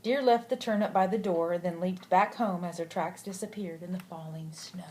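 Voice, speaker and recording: A sweet old lady, a grandmother, reading a picture book aloud gently and affectionately, with asides to a child. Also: lowish voice, moderate pace. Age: older. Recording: clearly noisy home recording.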